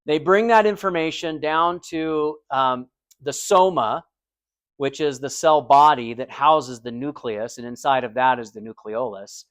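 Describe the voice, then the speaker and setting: A man with an American accent gives a conversational, recorded lecture on anatomy and physiology, using everyday comparisons and checking in with his students. His voice is medium-pitched and fairly bright, at a measured pace with no echo.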